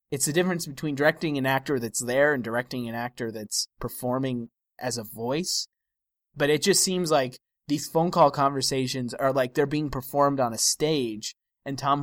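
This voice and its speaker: A man's voice: mid-range voice, a bit bright, no echo. A man co-hosting a film podcast in casual chat, often trailing off and searching for the right words. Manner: hesitant, searching for words, stretched-out phrases.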